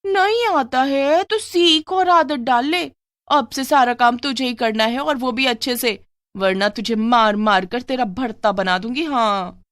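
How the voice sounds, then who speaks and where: Woman plays a scheming cartoon aunt; sugary fake or shrill bossy, higher than her narrating voice. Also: a little slow, a bit bright, no echo, studio quality. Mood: harsh bossy. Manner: syrupy fake sweetness, then harsh barking orders. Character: scheming two-faced middle-aged aunt.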